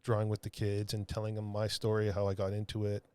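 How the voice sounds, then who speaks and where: A man, a comic book artist, telling a heartfelt story in a podcast interview, halting with many restarts and fillers. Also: on the low side, completely flat delivery, a little mellow, clear, resonant tone. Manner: earnest, heartfelt.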